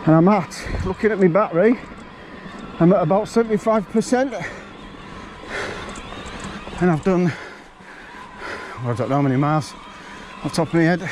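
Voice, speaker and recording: A man's voice: sits high, animated, moderate pace, pauses often, noisy background. A man, a bit out of breath, chatting bluntly to camera while riding an e-bike up a forest trail. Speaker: mountain biking vlogger.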